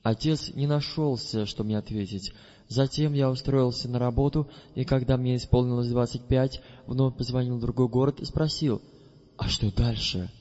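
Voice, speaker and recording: A man narrating an audiobook in the first person, his mid-pitched voice measured and deliberate. The sound is slightly muffled and lo-fi, with a long reverb trailing after each phrase. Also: steady tone, a little mellow. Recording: dull recording with long reverb.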